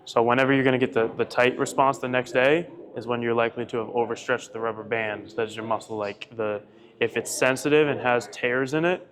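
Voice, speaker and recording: A man's voice: mid-range voice, fairly even intonation, brisk, fairly bright tone. A man working as a coach, talking informally and encouragingly in slangy, casual conversation. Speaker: workshop coach.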